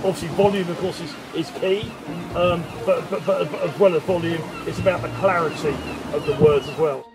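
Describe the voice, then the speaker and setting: A man's voice: high voice, steady tone, a little fast, background noise. A middle-aged man with an English accent giving an informal, hesitant interview, often repeating words as he explains. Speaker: town crier being interviewed. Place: outdoors on a seaside pier bench.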